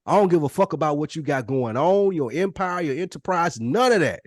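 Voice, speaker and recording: A man's voice: a little high, animated, brisk, no echo, clean studio sound. A man co-hosting a podcast, talking in a blunt, emphatic, casual way with some profanity. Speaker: podcast co-host.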